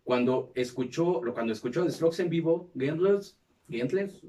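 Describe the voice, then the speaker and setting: A man's voice: on the high side, animated, moderate pace, dark tone, far from the mic, a little hiss or hum. A man with a Mexican accent, hosting a casual podcast and telling a band's history, with heavy slang and crude banter. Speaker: podcast host. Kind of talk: casual chat, reading history.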